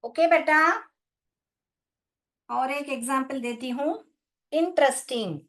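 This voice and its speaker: Slow, patient woman teacher. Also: sits high, fairly bright tone. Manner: patient, repeats questions to pupils, calls them beta. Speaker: English teacher. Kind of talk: online class lesson.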